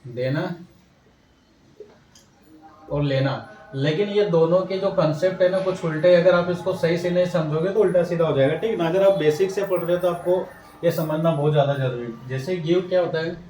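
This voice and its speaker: A man's voice: a little high, moderate pace, dark tone, a little hiss or hum. A man teaching a language lesson in a classroom style, repeating himself and asking questions he then answers. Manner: repetitive, checks in with "ठीक है ना" often. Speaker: English teacher. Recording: roomy echo, mic set at a distance.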